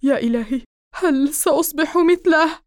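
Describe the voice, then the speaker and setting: A frightened young man, played by a woman reader, pleading and shaky in a high, thin voice. He sounds close and dry, with no room around him, as in an audiobook character reading. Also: moderate pace, dry recording, close to an everyday voice. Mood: terrified. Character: frightened young man, injured, slowly vanishing.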